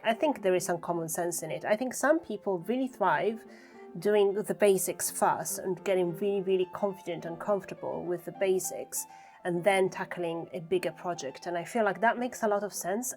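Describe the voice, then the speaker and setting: A woman chatting casually and reflectively to camera while she does crafts, thinking aloud as she goes. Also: fairly low pitch. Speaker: craft vlogger.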